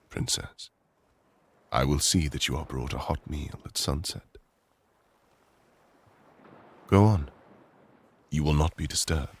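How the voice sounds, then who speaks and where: In this heavily acted boyfriend roleplay, a man voices a proud, commanding, possessive conqueror king. His deep, gravelly voice moves through slow, formal, measured phrases with an air of gentle authority.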